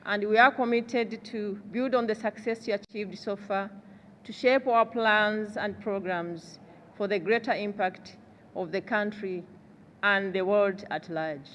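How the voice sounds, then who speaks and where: A woman's voice: medium pitch, fairly even intonation, unhurried, fairly bright tone. Rwandan woman giving podium speech in reverberant hall. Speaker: government official, delegate speaker. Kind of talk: formal podium speech, read from notes. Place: large conference hall. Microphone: podium gooseneck microphone. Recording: reverberant large hall, background noise.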